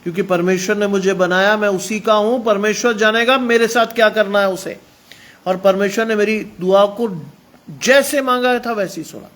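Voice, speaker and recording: High-voiced preacher, emphatic. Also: male voice, normal speed, fairly bright tone. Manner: mixes English phrases into emphatic preaching. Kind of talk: sermon.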